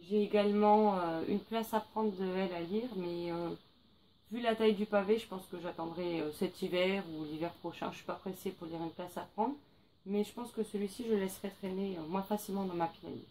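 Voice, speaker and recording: A woman's voice: mid-range voice, a little fast, mellow, a little hiss or hum, low-quality recording. A young woman chatting casually about books she bought, hesitating often with fillers. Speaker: book vlogger. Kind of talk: casual book haul vlog.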